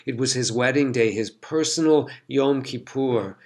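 A man narrates a story in a measured, scripted way. His voice sits at a middle pitch. The delivery stays steady.

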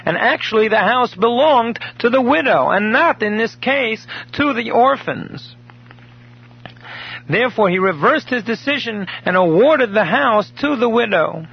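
A man teaching a recorded daily Torah class, telling a story in a measured way and explaining Hebrew terms in English. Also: very high-pitched, lively intonation, creaky, breathy edge. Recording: dull lo-fi recording.

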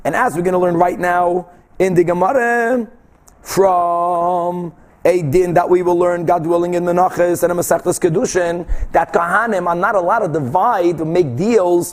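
A man's voice: high-pitched, normal speed. A man teaching a religious text, reading and explaining aloud, asking and answering his own questions and repeating phrases for emphasis. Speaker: Talmud teacher.

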